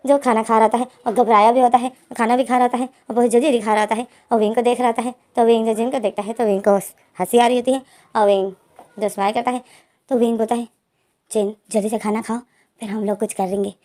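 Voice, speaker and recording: Woman storyteller, mellow tone, slightly high voice, rambling run-on narration. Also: fairly even intonation, quick pace. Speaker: fan fiction narrator. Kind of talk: casual storytelling retelling.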